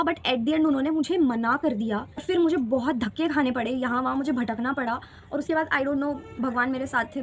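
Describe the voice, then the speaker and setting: Her voice sits high, and there's a faint hiss or hum as this twenty-something vlogger opens up about taking an exam. The vlog is candid and personal, her tone earnest and thoughtful, with English phrases woven into what she says.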